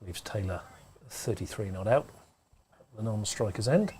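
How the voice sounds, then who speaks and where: A man giving relaxed, chatty live commentary on a club cricket match from a pavilion room. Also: on the low side, measured pace, slight background noise.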